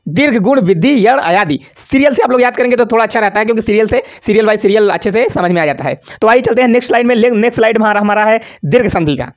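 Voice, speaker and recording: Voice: mid-range voice, animated, racing, hardly any pauses. A grammar teacher giving an exam-prep lesson over slides, asking the class questions and answering them, stretching out syllables on examples and repeating key words. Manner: casual, addresses students as "bhaiya".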